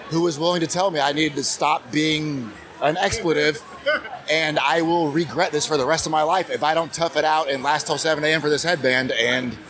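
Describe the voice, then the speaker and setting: A man interviewed after a race, candid and self-deprecating. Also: fairly high pitch. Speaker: race participant.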